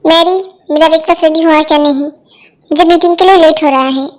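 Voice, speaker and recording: A woman's voice: high-pitched, steady tone, fast talker, soft background music, natural voice. A woman voicing a cold, short-tempered young husband who speaks curtly and harshly. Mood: cold angry. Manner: curt, harsh, scornful.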